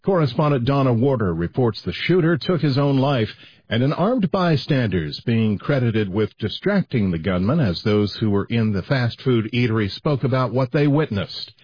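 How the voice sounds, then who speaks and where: A man reading the news in a measured, even anchor delivery, heard as a broadcast taped off the radio. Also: mid-range voice, husky. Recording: dull radio broadcast with faint music.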